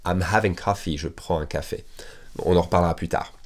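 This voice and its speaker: Low-voiced man teaching English. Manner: repeats English phrases slowly, then explains in French; lively, with sudden rises in pitch and loudness. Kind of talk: video language lesson.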